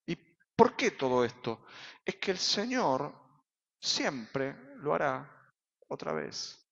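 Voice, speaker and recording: A man with an Argentine accent, a pastor preaching a sermon in a church, full of rhetorical questions and sudden shouts. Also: fairly high pitch, big pitch swings, takes it slowly, vocal fry. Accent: Argentine Spanish. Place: church sanctuary. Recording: reverberant hall, dull sound.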